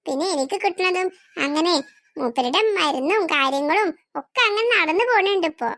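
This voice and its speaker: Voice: very high-pitched, a little fast, no echo, studio quality, heavily acted. A performer voicing Basanthi, a poor, humble working woman, in a cartoon. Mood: sorrowful. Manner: soft, humble, sorrowful. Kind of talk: cartoon voice acting.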